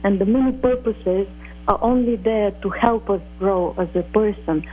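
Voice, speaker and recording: A middle-aged woman from Bulgaria, a guest telling her life story in an earnest, measured, sometimes halting way. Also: medium pitch. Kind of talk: reflective personal storytelling. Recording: phone-like narrow audio.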